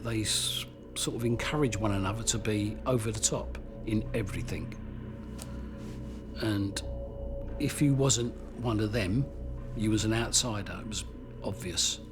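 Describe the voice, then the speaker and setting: A man's voice: on the low side, unhurried, music in the background. A man recalling people plainly in a documentary interview.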